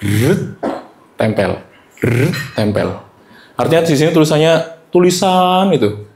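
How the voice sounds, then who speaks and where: Lively male presentation trainer. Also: moderate pace, slight background noise. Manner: lively, demonstrative, jumps between high and low voices to show examples. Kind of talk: workshop lesson.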